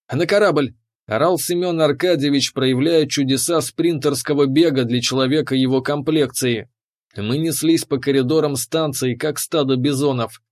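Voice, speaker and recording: A man's voice: medium pitch, darkish tone. A man reading a first-person science fiction audiobook as narrator.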